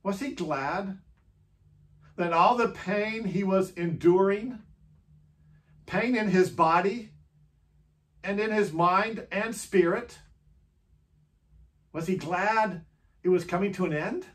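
With a mid-range voice, a pastor offers a reflective Holy Week meditation. He speaks gently in short phrases, leaves long pauses, and asks the listener many questions.

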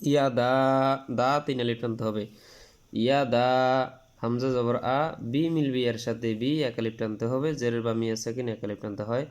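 A man's voice: medium pitch, steady tone, brisk, a little mellow, clean tone. A man teaching Quran reading, spelling out each letter and vowel sign, drawing out the long vowels as he recites, and patiently repeating each rule. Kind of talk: spelled-out tajweed lesson.

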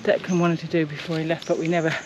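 This casual hiking vlog features a middle-aged New Zealand woman who runs a sailing channel, narrating warmly into a camera held at arm's length and pointing out sights on a forest trail. Her voice is deep and flat, and she talks fast. The sound is lo-fi with a little background noise.

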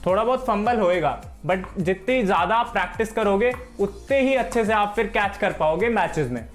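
A young man walks viewers through cricket drills at home, in a friendly, instructive way. He speaks to a camera set across the room. Soft music plays behind him. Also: high-pitched, lively intonation, moderate pace. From Haryana, India. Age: young adult. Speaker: cricket coach.

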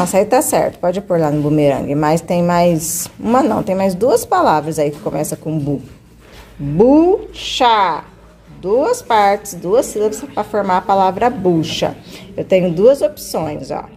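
Patient woman teacher, slightly low voice. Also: lively intonation, warm tone. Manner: patient, coaxing, drawn-out syllables. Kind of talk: one-on-one literacy lesson.

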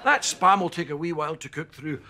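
A man's voice: on the high side, brisk. An actor playing a fretful, sarcastic older man with a broad Scottish accent, telling things with exasperation in a sitcom. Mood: exasperated, mocking. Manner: animated, exasperated storytelling. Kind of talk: sitcom dialogue.

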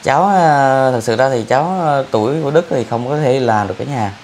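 Man, vlog host, casual chat, coaxing, jokey, mid pitch, faint background noise. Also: fairly quick, a little mellow. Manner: coaxing, jokey, talks to the family. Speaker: vlogger, charity host.

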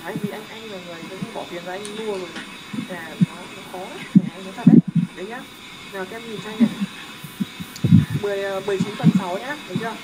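A young man teaching a math lesson in a casual, joking way, often checking that his students are following. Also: high voice. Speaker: math tutor. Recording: loud background noise.

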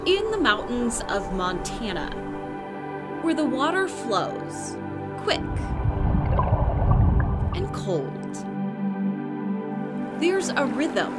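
A woman reporter with an American accent reading a scripted local news feature in a measured storytelling way. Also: on the high side, sing-song. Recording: voice-over with loud music bed.

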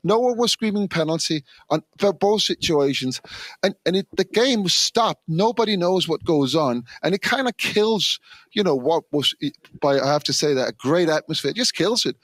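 A man's voice: fairly high pitch, animated, normal speed, fairly bright tone, no echo. A man giving frustrated, emphatic opinions as a football pundit. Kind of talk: remote studio punditry.

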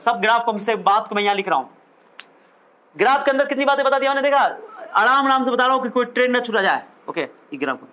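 Brief: male physics lecturer, higher-pitched voice, repeats and quizzes. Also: fairly bright tone. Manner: quizzing questions, repeating phrases. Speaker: physics teacher. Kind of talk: classroom lecture.

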